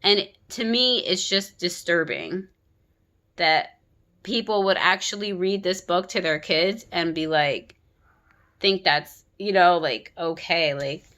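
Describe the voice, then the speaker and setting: A woman's voice: lowish voice, slow, a bit bright. A woman, a parent, giving a frank, opinionated casual commentary on a children's book, full of "like" and "you know.".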